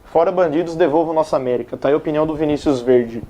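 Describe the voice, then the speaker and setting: A man's voice: fairly high pitch, racing, dark tone. A man hosting a casual studio sports chat show, reading viewer comments aloud in a chatty way.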